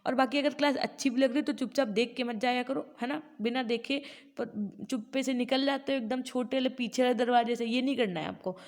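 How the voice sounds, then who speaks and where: A woman's voice: a little high, steady tone, a little fast. Woman teaching an online class. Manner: explains step by step, often asks the class to answer.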